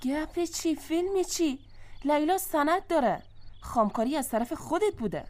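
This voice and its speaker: A woman's voice: high-pitched, lively intonation, darkish tone. A woman voicing a protective younger sister who firmly keeps her brother-in-law out. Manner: firm, guarded.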